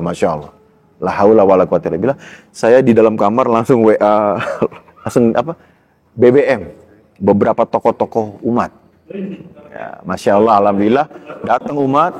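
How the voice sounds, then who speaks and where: A man recounting his life story in casual talk, animated and rising high when tense. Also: in a large hall. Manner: animated storytelling, pitch jumps high in tense moments, laughs between lines. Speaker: guest telling his story. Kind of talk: personal testimony in casual talk.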